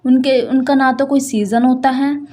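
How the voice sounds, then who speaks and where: Woman tutor going through a poem line by line, chatty, keeps checking in with students, slightly high voice. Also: little pitch movement, mellow. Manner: chatty, repeats "thik hai" and "doston", reads English lines slowly. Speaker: English literature teacher.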